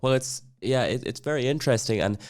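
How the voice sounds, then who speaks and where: A man hosting a podcast, asking a guest questions in a relaxed, measured way. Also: medium pitch. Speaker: podcast host. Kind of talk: casual interview talk.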